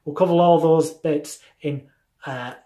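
High-pitched man teaching in an echoey room. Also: fairly even intonation, measured pace, warm tone. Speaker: hypnotherapy instructor. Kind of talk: informal video lesson, explaining. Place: small indoor room. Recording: roomy, echoey small-room sound.

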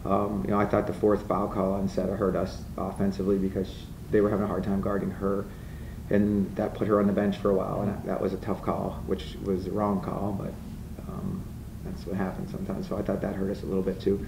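A man's voice: sits low, little pitch movement, a little fast, vocal fry. A middle-aged man, a head coach, answering blunt and matter-of-fact at a postgame press conference at a table mic. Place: press room. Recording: echoey room, from far off, with noise.

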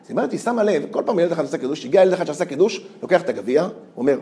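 A man, a rabbi, giving a lively storytelling lecture, often repeating words and laughing through his anecdotes. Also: a little high. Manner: animated, repeats words, laughs as he tells stories.

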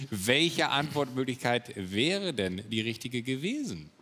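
A man's voice: mid-range voice, big pitch swings, moderate pace. A man presenting as a game show host, announcing questions and answers on a TV quiz show, in his thirties or forties. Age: 30s to 40s. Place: large TV studio with audience. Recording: loud studio music and audience noise.

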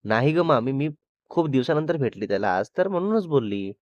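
A light, teasing young woman, voiced by a male narrator in a mid-pitched voice. The recording is dry with a slightly dull, lo-fi sound. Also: sing-song, brisk, darkish tone, no echo, natural voice. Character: young woman Gudiya, playful cousin, teasing.

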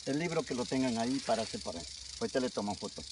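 A man's voice: mid-range voice, lively intonation, fast talker. A man with a Veracruz Mexican accent working as a snake catcher, talking in short, repeated commands and reassurances as he works outdoors. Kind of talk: live field talk while handling a snake. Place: outdoors in dense woodland. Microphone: handheld phone nearby. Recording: noisy outdoor phone video.

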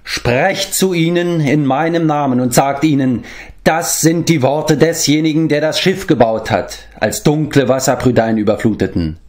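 A man voicing a wise, grave old man who watches over the animals, in a measured, stately storybook manner. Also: medium pitch, animated, a little mellow, close to an everyday voice. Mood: commanding.

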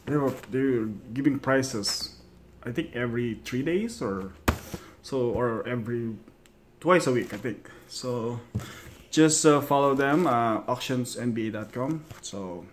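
A man in an excited, chatty unboxing vlog at home, laughing often as he talks to the camera. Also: mid-range voice, background noise. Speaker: vlogger. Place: home, at a table.

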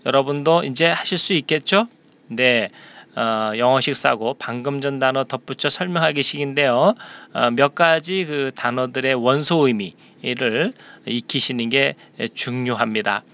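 A man teaching an English lesson, explaining sentences word by word and reading lines aloud slowly for students to repeat. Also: medium pitch, sharp tone. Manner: slow, deliberate English read-alouds for repeating.

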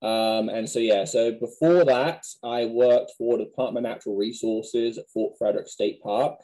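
A man in his thirties with a West Country Wiltshire accent softened by American, answering questions conversationally in an interview. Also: medium pitch, steady tone, moderate pace, low-quality recording. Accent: West Country Wiltshire English, softened by American. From Wiltshire, England. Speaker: museum director, interview guest. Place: small plain office, video call.

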